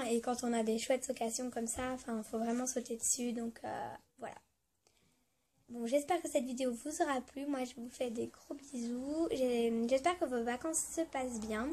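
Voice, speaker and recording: A woman's voice: sits high, a little mellow, slight background noise. A woman vlogger telling a story in a casual vlog, chatty and enthusiastic, with many fillers and restarts.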